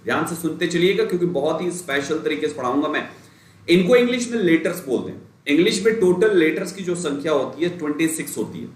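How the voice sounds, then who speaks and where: A young adult man teaching an exam-prep English lesson in a chatty way, speaking straight to his students and repeating key points. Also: fairly high pitch. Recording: roomy echo.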